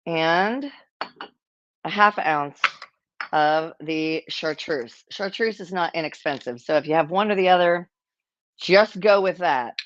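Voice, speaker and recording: A woman hosts a casual cocktail-making demo at a home bar, chatting along with rambling, self-deprecating asides. Her voice sits a little low. The recording is dull and lo-fi, with a dry sound. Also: takes it slowly, fairly bright tone, dry recording. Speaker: cocktail show host.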